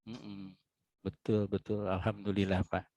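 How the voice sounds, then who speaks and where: A man's voice: low voice, level tone, unhurried, a little mellow, dry recording. A man in his sixties with a Malaysian Malay accent, a retired professor chatting politely on a video call and chuckling often. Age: 60s. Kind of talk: casual video call chat.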